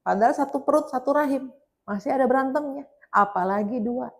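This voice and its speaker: A woman evangelist delivers a sermon built around a personal story. She speaks in a lively, animated way and often addresses her listeners directly as brothers and sisters. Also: sits high, fairly quick, gravelly. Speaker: evangelist preacher.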